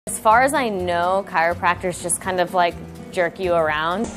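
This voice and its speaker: A woman's voice: lowish voice, moderate pace, a bit bright, soft background music. A woman giving a chatty, casual comment in the style of a testimonial.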